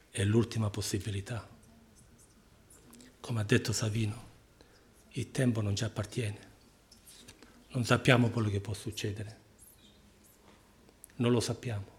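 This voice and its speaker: A man preaching a sermon to his congregation, emphatic, with repeated rhetorical questions and swings between loud and hushed delivery. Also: fairly low pitch, slight background noise.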